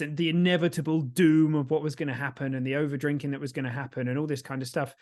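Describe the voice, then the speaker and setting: Fairly high-pitched and a touch mellow, this male co-host of a sober-living podcast rambles through casual conversation as he coaches. He keeps cutting himself off mid-thought.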